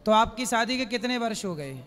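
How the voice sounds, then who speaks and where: A high-pitched man gives calm, direct spiritual counsel in a question-and-answer session. His short questions ring out with a long echo in a large hall. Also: brisk. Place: large hall before an audience. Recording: reverberant hall.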